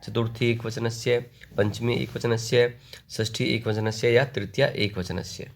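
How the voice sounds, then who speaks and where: A man teaching an online exam-prep lesson, reading out questions and reciting word forms in slow rhythmic lists. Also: medium pitch, flat delivery, vocal fry. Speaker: Sanskrit exam tutor.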